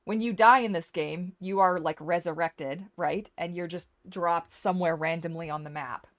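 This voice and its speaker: A woman with a lowish voice talks at a normal speed while gaming on her live stream, which also has a community server she hosts. She's welcoming and playful, teasing the audience and speaking right to them in casual chat.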